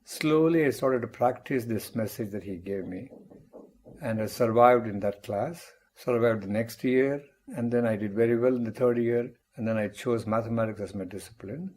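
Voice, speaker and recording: The poor audio captures a mid-range, mellow and husky voice belonging to an older man, a guest professor who is a native Tamil speaker from Tamil Nadu, India. Giving a personal storytelling interview, he reminisces thoughtfully and at an even pace, dropping in wry remarks.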